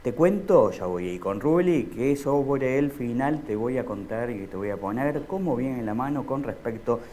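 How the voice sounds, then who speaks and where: A man's voice: medium pitch, animated, moderate pace, mellow, a little hiss or hum. A man with an Argentine accent hosting a political talk show, interviewing a guest in a chatty way and tagging his sentences with "¿no?". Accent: Argentine Spanish. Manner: chatty, frequent "¿no?" tags and "ujú" backchannels. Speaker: radio talk show host.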